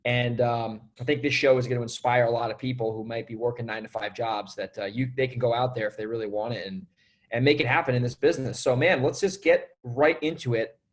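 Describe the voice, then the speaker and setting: A man hosting a podcast interview in a relaxed, chatty way, dropping "dude" and "bro" as he goes. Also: medium pitch, fairly quick. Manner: casual, peppered with dude and bro. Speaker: podcast host. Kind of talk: casual interview chat.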